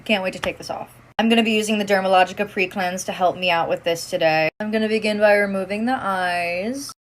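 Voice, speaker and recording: A woman's voice: medium pitch, brisk, slight background noise. Young woman plugging a makeup cleanser. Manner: upbeat product promotion. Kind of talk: makeup removal voice-over with product plug.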